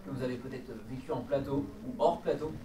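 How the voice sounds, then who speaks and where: A male interviewer firing off quick quiz questions at a convention, with a loud crowd behind him. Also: mid-range voice, steady tone, rough recording. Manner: brisk, quizzing. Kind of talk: rapid-fire quiz questions. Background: loud crowd at a game convention.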